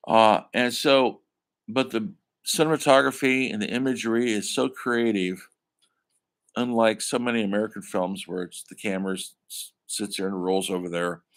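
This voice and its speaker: Addressing his class as "folks," an older college film instructor lectures in a relaxed, conversational way. He has a lowish, steady voice and talks at a normal speed.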